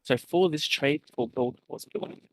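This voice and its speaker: A man co-hosting a casual online draft show, his voice cutting out over a poor call connection while he explains a trade in a halting way. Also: medium pitch, no echo. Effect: voice breaking up over a bad call connection.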